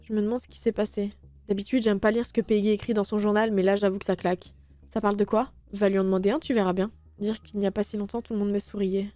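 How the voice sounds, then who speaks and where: Mellow-voiced woman reading a game. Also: medium pitch, fast, dry recording. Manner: reads every character in turn, lightly animated. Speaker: let's play streamer. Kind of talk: reading a visual novel aloud.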